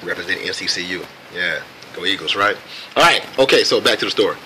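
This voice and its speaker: An American man casually telling a personal story on camera in a reflective, laid-back and halting way. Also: deep voice, lively intonation, pushed and bright, a little hiss or hum, poor audio. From United States. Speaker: vlogger.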